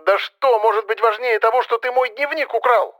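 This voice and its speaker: A man's voice: fairly high pitch, moderate pace, sharp tone, slightly rough, dry recording, voice pushed up. A man reading an audiobook, voicing a hurt young woman who reproaches him and is close to tears. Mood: hurt, indignant. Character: upset young woman, tearful and indignant. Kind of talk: audiobook character voice.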